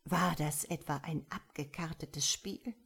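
Slow, low-voiced, husky woman narrator. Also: fairly bright tone. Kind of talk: audiobook narration.

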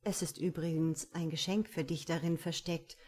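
Woman voicing a soft-spoken courting man. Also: fairly even intonation, normal speed. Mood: gentle. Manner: soft, low, murmuring delivery. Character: gentle, teasing man courting a young woman. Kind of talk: audiobook character reading.

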